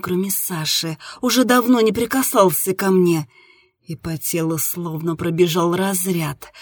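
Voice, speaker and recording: A woman narrating a first-person audiobook in an intimate, steady manner. Her voice is husky and mid-pitched, recorded close and dry with no room sound. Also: no room sound.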